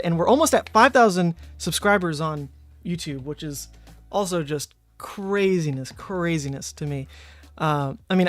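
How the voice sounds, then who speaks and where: Streaming live, this chatty card game player is hoarse, having partly lost his voice, and sits on the high side in pitch. His casual talk rambles along with frequent "uh" and "like," and the audio carries no room sound.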